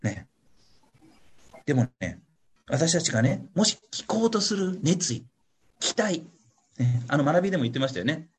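The speaker is a man with a fairly high, slightly rough, sing-song voice, moving at a moderate pace with long pauses. A pastor leading a Bible study in an online congregational meeting, he delivers a casual, chatty, playful teaching sermon, adding a questioning "ne" tag throughout and acting out little voices for examples.

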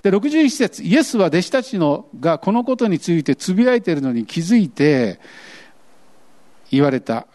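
A man's voice: sits high, moderate pace. A man preaching a sermon as pastor, acting out grumbling voices as he tells it, with a lilt. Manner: animated, acts out quoted grumbling voices.

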